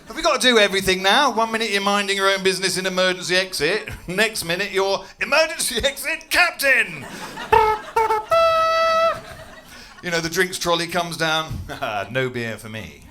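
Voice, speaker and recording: A man's voice: high voice, lively intonation, moderate pace, noisy background. A man with an English accent doing a stand-up comedy set, chatty and self-mocking, with frequent swearing. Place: comedy club stage with a laughing audience. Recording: club audience laughter audible.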